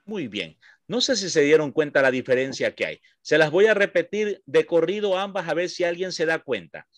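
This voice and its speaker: This is an Ecuadorian man leading a Bible study, his voice sitting a little higher than most men's. He explains step by step, goes back over his main points, and keeps asking the room whether they follow. The sound is close and dry, with no room echo. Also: animated. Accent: Ecuadorian Spanish. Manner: explanatory, checks understanding with short questions; repeats points slowly for emphasis. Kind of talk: teaching a Bible class.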